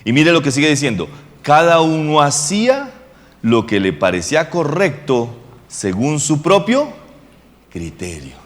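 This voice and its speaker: A man's voice: a little high, very animated, a little slow, big-room sound. A male pastor preaching a sermon in a casual, joking way, often asking the congregation questions. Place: church hall.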